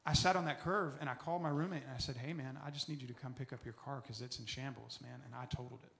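A man in his forties giving an earnest personal recovery testimony, often dropping soft and low as he tells his story. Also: steady tone, fast, gravelly.

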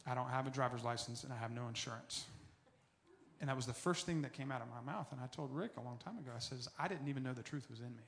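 A man in his forties giving an earnest personal recovery testimony, often dropping soft and low as he tells his story. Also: quick pace, a little hiss or hum.

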